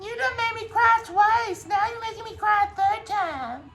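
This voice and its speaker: A man's voice: very high-pitched, unhurried, pushed and bright, slight background noise, voice pushed up, full character voice. A man imitating his tearful brother, who complains in a whiny, exasperated way about being made to cry.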